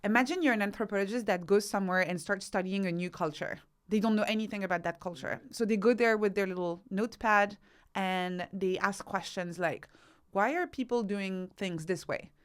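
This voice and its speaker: A researcher and author appears as a podcast guest, answering interview questions in a clean, mid-range woman's voice that runs a little fast. She teaches as she explains, leaning on rhetorical questions and acting out examples.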